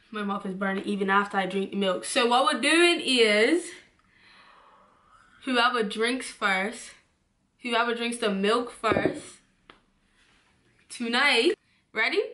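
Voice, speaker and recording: Slow-talking giggly young woman in an echoey room. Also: a little high, pushed and bright, slight background noise. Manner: nervous, giggly, repeats that she is scared. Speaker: vlogger. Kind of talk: casual chat during a food challenge.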